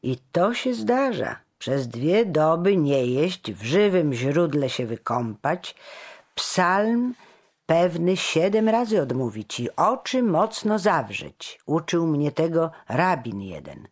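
A reader voicing a superstitious male guard commander who barks orders loudly in an audiobook. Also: on the high side, big pitch swings, slow, pitched above the performer's own voice, heavily acted. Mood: musing. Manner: loud, barking orders. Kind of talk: audiobook character voice.

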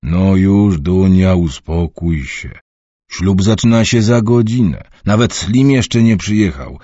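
A man voicing a bald older uncle who speaks loudly and heartily, coaxing a relative to calm down. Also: deep voice, slow, dry recording, exaggerated voice. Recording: dull muffled recording.

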